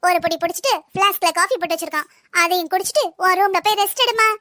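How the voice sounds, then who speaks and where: Woman voicing a bossy sister-in-law, cartoon; very high, bright, quick, preachy scolding. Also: no room sound, clean studio sound. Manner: lecturing, sharp-tongued, preachy. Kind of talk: cartoon voice acting.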